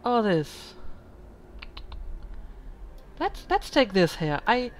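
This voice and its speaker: A woman hosting a casual let's play, musing out loud in a thoughtful, hesitant way with lots of ums, recorded at home. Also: medium pitch, big pitch swings, very slow. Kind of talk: casual gaming commentary.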